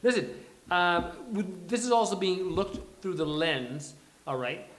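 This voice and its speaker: A man hosts a casual panel chat before a live table read, rambling and joking as he goes, in an event room with a small audience. His voice is high, expressive, and fairly bright, and he speaks a little slowly. The room sounds echoey.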